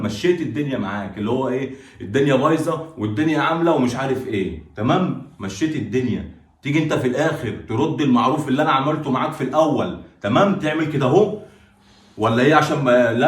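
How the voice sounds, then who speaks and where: A man as a lecturing Egyptian older brother, rapid and insistent, roomy sound. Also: mid-range voice, lively intonation, natural voice. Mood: stern. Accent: Egyptian Arabic. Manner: lecturing, insistent, repeats "tamam?". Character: stern older brother defending his sister. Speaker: actor in a skit. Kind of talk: sketch acting.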